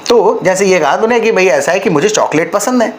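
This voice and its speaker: A man's voice: sits high, expressive, a little fast, a little hiss or hum. A man teaching a spoken-English lesson, patiently explaining and checking in with his learner.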